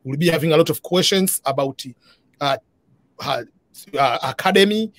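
A man's voice: on the high side, moderate pace, a bit bright, no echo. A middle-aged man hosting a live online interview from his living room over a video call, earnest and full of fillers. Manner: earnest, restarting, many uh fillers. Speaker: interview host.

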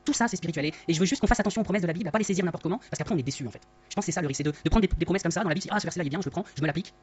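Fast-talking man with a disguised voice. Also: high-pitched, slightly rough. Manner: earnest, rephrases often, tags lines with "hein". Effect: voice-disguising software. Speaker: Bible teacher. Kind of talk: conversational Bible study talk. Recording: dull lo-fi sound.

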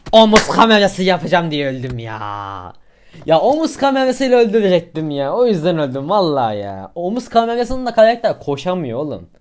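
A young man giving casual, slangy commentary over a mobile shooter game, getting loud and excited in tense moments. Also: sits high, a little fast, clean tone. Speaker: gaming YouTuber.

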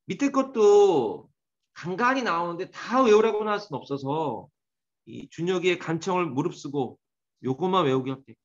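A man's voice: high voice, animated, normal speed, muffled recording. A man teaching an English grammar class, quizzing and teasing his students by name as he goes.

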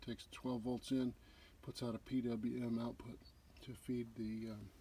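A Southern US man walks listeners through a big indoor RV repair shop, laying out the technical work plainly and casually, with occasional fillers. He has a mellow, mid-range voice with little pitch movement and an unhurried pace, and a slight hiss or hum runs underneath.

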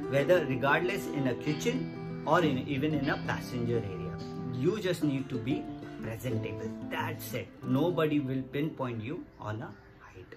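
Guy in his 30s, earnest vlog explainer, music going under him. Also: mid-range voice. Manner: earnest, repeats points, direct appeals to viewers. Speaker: vlogger. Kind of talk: casual explainer talking to camera. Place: small indoor room against a plain wall.

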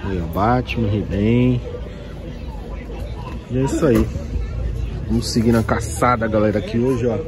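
A man's voice: on the low side, steady tone, measured pace, long pauses, crowd noise. A man with a Brazilian Portuguese accent, casually and eagerly showing off toys at an outdoor street market while filming on a handheld phone. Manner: casual, enthusiastic, constantly pointing things out. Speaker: vlogger browsing toy stalls. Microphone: handheld phone camera. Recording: outdoor street with music and traffic.

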